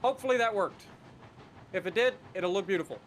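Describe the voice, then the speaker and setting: A man's voice: high-pitched, quick pace, a little hiss or hum. A man streaming a train game, chatting casually and swearing now and then. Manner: laid-back, swears casually. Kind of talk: casual gameplay chat.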